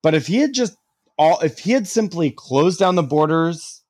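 A man's voice: fairly high pitch, lively intonation, normal speed, a little mellow, slightly rough, no room sound, studio quality. A man co-hosting a casual podcast chat, telling a story animatedly with lots of swearing and "like" fillers. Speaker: podcast co-host.

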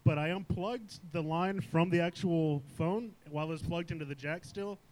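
Fairly high voiced dude on a podcast, cussing his way thru a story and cracking up. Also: darkish tone, a little hiss or hum, rough recording. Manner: profane, drawn-out storytelling, laughs through it. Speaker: podcast co-host. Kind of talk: casual chat. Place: live show at a sports bar.

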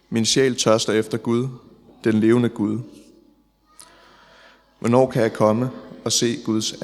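A man reading psalms and gospel aloud in a church service, in a measured, solemn way. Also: mid-range voice, creaky, darkish tone. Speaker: scripture reader in church service. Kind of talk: liturgical scripture reading. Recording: long church reverb.

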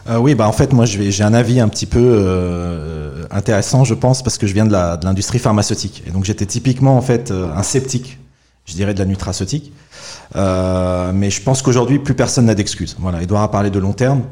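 Male podcast guest, low and mellow, sincere and steady with some hesitations. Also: fairly quick. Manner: earnest, sets out his opinion with fillers. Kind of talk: podcast interview.

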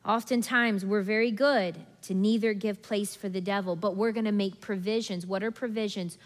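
A woman preaching a sermon in a lively, conversational way, often acting out people's inner thoughts. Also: medium pitch, normal speed. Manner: animated, acts out congregation's inner voices with laughs. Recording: long hall reverb.

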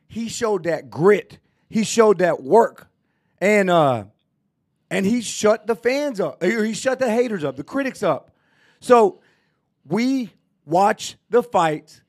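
A man's voice: sits high, expressive, slow. A man with a Texas accent, co-hosting a casual boxing talk show and arguing emphatically. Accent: Texan. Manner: emphatic, repetitive, ranting. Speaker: podcast co-host. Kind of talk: casual sports debate.

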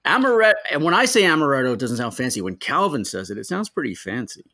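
A man's voice: mid-range voice, big pitch swings, fast, bright, forceful tone. A man, a magazine editor, self-mocking in casual podcast chat.

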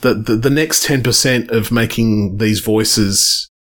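A man's voice: fairly low pitch, slow, fairly bright tone. A man co-hosting a casual tech podcast. He rambles and restarts his sentences as he thinks aloud. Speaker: podcast co-host.

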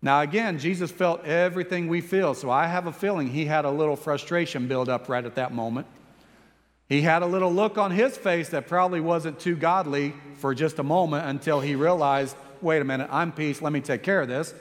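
A male pastor preaching a sermon, telling a story with animated delivery and acting out quoted lines. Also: a little high, brisk, long reverb tail.

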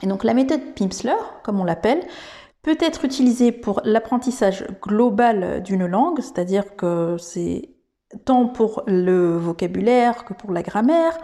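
Slow, mellow-voiced woman teaching. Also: mid-range voice, animated. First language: French. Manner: thoughtful, with frequent fillers and restarts. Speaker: English teacher and podcast host. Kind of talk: podcast lesson.

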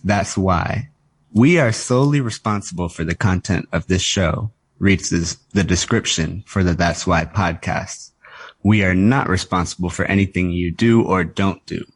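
A man's voice: deep voice, normal speed, breathy edge, no echo, low-quality recording. A man hosting a radio show, reading a prepared introduction in a light, wry way.

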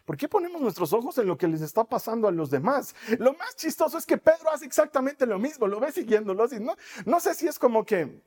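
A man preaching a sermon, telling Bible stories in an animated way and laughing often. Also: very high-pitched, a little fast, few pauses, husky.

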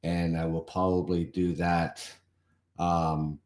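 In an echoey room, a Canadian solo podcast host reads an article aloud and chats about what he reads, with some repetition. He speaks slowly in a low, darkish voice with flat delivery.

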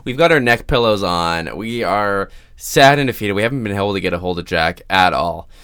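Low, clean-voiced male podcast co-host. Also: expressive, a little fast, fairly bright tone, clean tone, no room sound, clean studio sound. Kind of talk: casual podcast chat recounting a story.

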